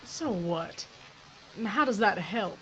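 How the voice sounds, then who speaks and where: A woman plays a tough woman sheriff on the run, barking orders in a blunt frontier drawl. Her mid-range voice is expressive and slow-paced. The recording is slightly dull and faintly noisy.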